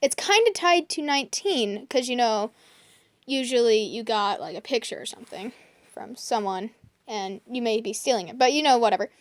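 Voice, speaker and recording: Young woman, high voice, chatty co-host, stumbly and filler-heavy, dry close sound. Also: expressive, normal speed, no echo. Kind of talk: casual chat reading a list.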